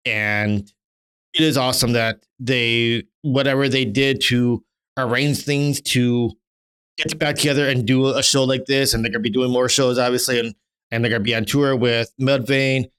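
A man in his thirties co-hosts a podcast in casual chat. His voice is smooth and resonant. He rambles with lots of restarts and drops the odd swear word. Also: medium pitch, fairly even intonation, moderate pace, a bit bright. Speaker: podcast co-host.

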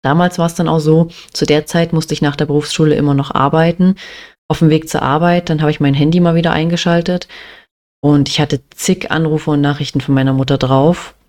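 A young adult vlogger from Germany tells a personal story at an ordinary pitch. The delivery is plain and matter-of-fact, with casual fillers running through it. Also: level tone, brisk, darkish tone.

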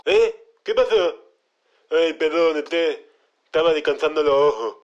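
A man's voice: a little high, expressive, unhurried, a little hiss or hum. Walkie-talkie voice, dim sleepy sidekick played by a man, groggy replies, dull muffled audio. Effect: voice over a walkie-talkie.

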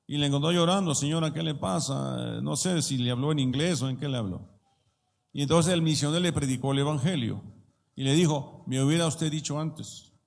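Gravelly male preacher in a reverberant hall. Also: on the high side. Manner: conversational preaching with frequent rhetorical questions and anecdotes. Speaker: pastor. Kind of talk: sermon.

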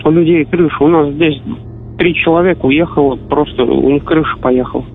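A man's voice: on the high side, steady tone, brisk, soft background music. A tired soldier talking with his father, heard over a radio intercept of a phone line, telling events in short weary bursts. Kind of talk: private phone call.

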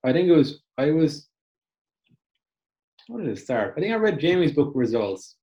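A man's voice: a little high, very animated, normal speed, dark tone, dull audio. A young man talking in a loose, reflective way during a casual interview. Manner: reflective, loose, many restarts and "like". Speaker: podcast guest.

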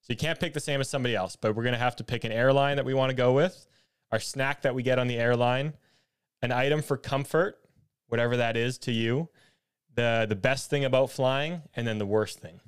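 A man hosts a casual podcast in a clear, smooth voice of middling pitch. His talk is bro-ish and slangy, with the odd swear word. The sound is dry and close. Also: a little fast, no echo. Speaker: podcast host.

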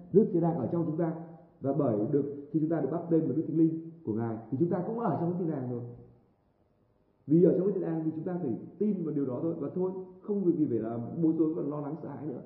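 A man preaching a sermon with fervour, repeating phrases and calling out amen. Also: medium pitch. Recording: tinny lo-fi echoey room recording.

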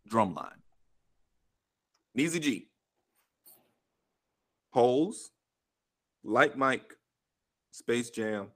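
A man's voice: mid-range voice, fairly bright tone. An American man chatting casually on a podcast in a laid-back frat-bro manner, calling everyone bro. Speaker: podcast host.

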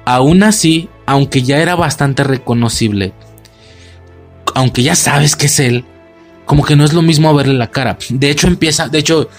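Excitable Mexican man, slangy and profane. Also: a little high, moderate pace, soft background music. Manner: animated, profane, reenacts his own shocked reactions. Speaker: vlogger. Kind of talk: excited casual storytelling.

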